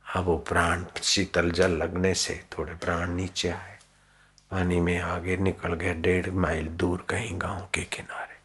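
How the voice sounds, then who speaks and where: A man's voice: deep voice, completely flat delivery, a little slow, fairly bright tone, husky. A man preaching at a devotional gathering, telling a story dramatically and acting out its voices.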